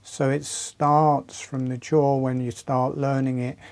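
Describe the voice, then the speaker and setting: Speaking in a mid-range voice, a man leads a guided relaxation and breathing session. His delivery is calm and soothing, with short phrases and long pauses.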